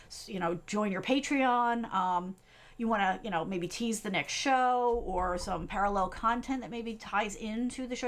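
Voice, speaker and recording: Fast-talking East Coast woman coach. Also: mid-range voice. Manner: fast, chatty, many fillers and tag questions. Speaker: host, tech coach. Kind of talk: live-stream tutorial talk.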